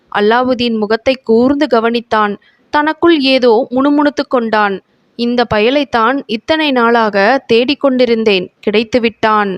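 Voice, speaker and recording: A woman reading a folk tale aloud in steady, scripted narration. Her voice sits fairly high and is recorded close and dry. She keeps an even storytelling pace. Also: no room sound.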